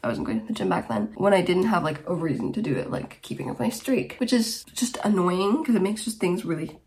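A woman's voice: on the low side, lively intonation, a little fast, darkish tone. A nineteen-year-old woman from Romania hosting her own podcast, chatting casually and rambling with lots of "like" and asides. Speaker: podcast host. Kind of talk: casual solo podcast chat.

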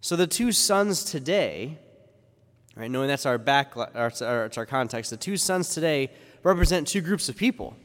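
A man speaks as a preacher to a congregation in a medium-pitched voice. His words carry a long cathedral echo, ringing through a large church. The delivery is that of a homily and scripture reading. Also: expressive, normal speed, a bit bright. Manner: rhetorical questions, informal asides. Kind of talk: Gospel reading and conversational homily. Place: large echoing church interior.

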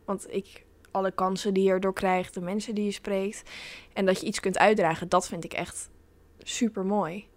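A young woman in her twenties co-hosting a casual podcast, speaking in an earnest, self-reflective way. Her voice sits at an ordinary middle pitch. The recording is dry and close, with no room sound around her. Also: little pitch movement, normal speed, no room sound. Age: 20s. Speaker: podcast co-host, influencer.

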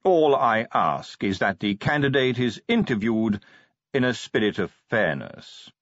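Male reader voicing silky scheming ruler, measured, lively melody. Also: on the low side, no room sound. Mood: suave. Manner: suave, measured, politely evasive. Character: smooth, calculating older male city ruler. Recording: dry, slightly dull audiobook recording.

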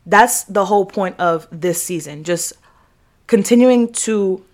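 A woman's voice: mid-range voice, measured pace. A woman hosting her own podcast, talking casually and earnestly, repeating phrases for emphasis. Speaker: podcast host. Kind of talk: casual solo podcast talk.

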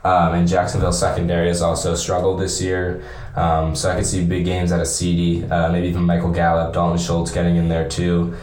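Low-voiced man in an echoey room. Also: completely flat delivery, a little fast, a little mellow. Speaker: podcast co-host. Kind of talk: casual sports podcast chat. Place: small, bathroom-like echoey room. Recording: echoey small room, slight noise.

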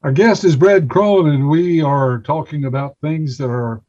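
A man's voice: fairly high pitch, unhurried, a little mellow. A man hosting a broadcast interview show, heard as a dull recording taped off the radio. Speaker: talk show host.

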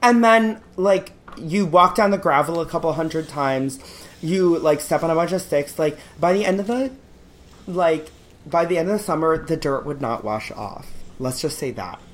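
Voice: medium pitch, normal speed, slight background noise. A podcast co-host from the country in casual chat, laughing often and rambling with lots of fillers. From rural area.

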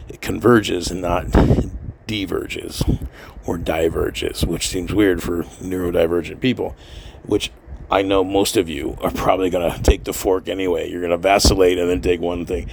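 A man's voice: low-pitched, vocal fry, a little hiss or hum. A middle-aged man talking in a casual, rambling monologue, swearing freely and laughing often. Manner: profane, digressive, laughs often. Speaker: podcast host.

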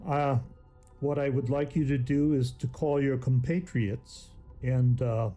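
A man's voice: medium pitch, fairly even intonation, measured pace, warm tone, faint music behind. A man playing in a tabletop game, chatting casually and slipping into mock-formal speech for his character. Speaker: player.

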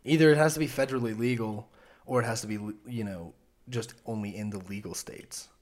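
A man's voice: fairly low pitch, a little fast, a little mellow. A young man co-hosting a podcast, chatting casually in laid-back slang and laughing often. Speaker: podcast co-host. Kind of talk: casual chat.

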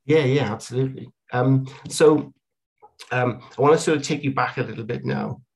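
A man hosting a podcast from the United Kingdom, chatting with a guest in a friendly interview. His talk is halting, full of ums and restarted phrases. His voice sits at an ordinary middle pitch. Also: creaky, darkish tone, husky. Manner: hesitant, many ums and repeated words. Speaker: podcast host. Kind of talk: conversational interview.

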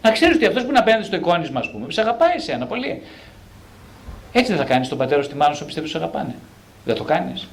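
Animated, high-voiced male psychotherapist. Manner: animated, asks himself rhetorical questions, very colloquial. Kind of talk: talk on self-knowledge.

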